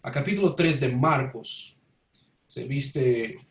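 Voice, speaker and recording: A man's voice: medium pitch, slow, recorded from a distance. A man speaking non-native Spanish with a Portuguese-influenced accent, hesitantly searching for words as a student in a class discussion. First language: not Spanish. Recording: roomy, echoey voice pickup.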